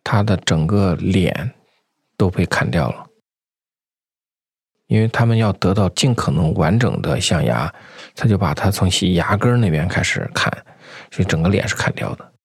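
Low, husky man telling stories from memory. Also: expressive, no echo, clean studio sound. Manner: conversational, halting, repeats phrases. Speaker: anti-poaching patroller, interview guest. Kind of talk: unscripted first-person storytelling.

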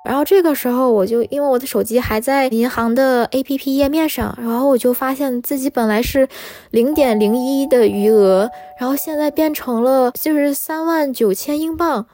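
A woman from China recounting a personal story in an animated, emotional way, with many fillers. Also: high-pitched, moderate pace.

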